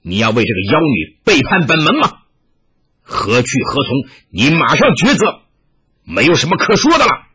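Man doing furious stern old Taoist elder, husky, voice pushed high, shouting, dull lo-fi recording. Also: huge pitch swings, moderate pace, heavily acted. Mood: angry. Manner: scolding, shouting raised voice. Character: angry stern old Taoist elder, young man's uncle-teacher.

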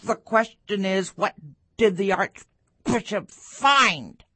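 A woman voicing a blunt, argumentative duck in a storybook, with a deliberate, nagging delivery. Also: medium pitch, fairly bright tone, slightly rough, dry recording.

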